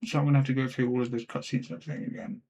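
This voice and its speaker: A man's voice: mid-range voice, flat delivery, rapid-fire, creaky, mellow, slight background noise. Exasperated swearing gamer man. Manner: exasperated, swears constantly, talks to himself. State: frustrated. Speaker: let's play gamer. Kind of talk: gameplay commentary.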